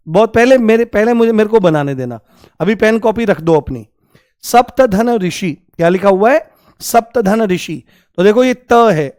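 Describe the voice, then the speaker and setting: A young man leads a grammar lesson in a high, clear voice, firing rhetorical questions at his class and stretching each answer out in a sing-song way. The sound is dry and close. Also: a little mellow, no room sound. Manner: repeats key answers in a drawn-out, sing-song way. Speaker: Hindi grammar teacher. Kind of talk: classroom lecture.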